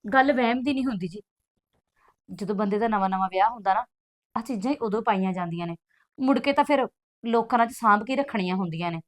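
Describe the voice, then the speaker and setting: An actress playing a discontented young bride who insistently complains and demands things. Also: female voice, mid-range voice, quick pace, reverberant, natural voice. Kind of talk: village family drama acting.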